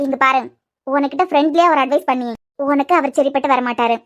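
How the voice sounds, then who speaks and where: A woman voicing feuding young cartoon women, shrill and quick. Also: a bit bright, muffled recording, a little hiss or hum. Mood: arguing. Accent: Kanyakumari Tamil. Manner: heated, reproachful arguing. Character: quarrelsome young women in a family feud. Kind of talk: cartoon dialogue acting.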